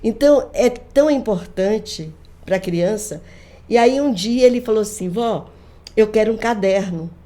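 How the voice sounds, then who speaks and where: An older woman, a grandmother, chatting on a podcast and retelling family stories with lively quoted voices. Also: medium pitch, unhurried. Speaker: guest, folklorist. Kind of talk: casual storytelling conversation.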